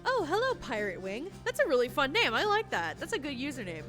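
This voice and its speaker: A woman's voice: high-pitched, wildly swooping pitch, fairly quick, a bit bright, faint music behind. A woman streaming a game, joking and chatting with viewers in casual commentary.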